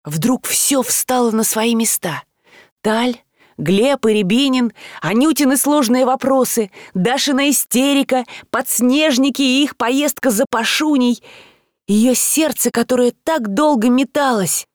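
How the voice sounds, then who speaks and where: A woman narrating an audiobook in an expressive, emotional reading. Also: on the high side, a little slow, dry recording. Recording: dry close studio sound.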